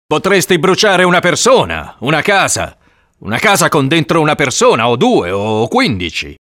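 A man's voice: medium pitch, sing-song, normal speed, a bit bright, no echo, clean studio sound, voice pushed up. A man reading the part of a blunt, exasperated adult hunter in an audiobook. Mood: sarcastic. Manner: blunt, practical.

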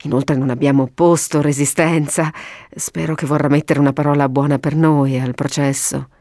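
A woman voicing a polite male gang leader who speaks slowly and gently. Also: deep voice, little pitch movement, no room sound, clean studio sound. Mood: courteous. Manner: slow, gentle, courteous.

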